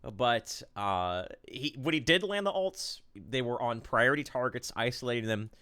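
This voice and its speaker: A male esports caster calling a tournament draft live. He rambles through picks with many "uh"s and bursts of excitement, in an everyday mid-pitched voice. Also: normal speed, clear, resonant tone. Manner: rambling, excitable play-by-play with fillers.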